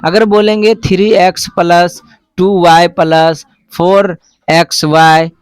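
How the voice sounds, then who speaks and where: A man's voice: sits high, little pitch movement, slow, clear, resonant tone, dry recording, clean studio sound. A male teacher, giving a classroom math lesson and quizzing students with repeated questions. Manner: call-and-response questioning, repeats answers.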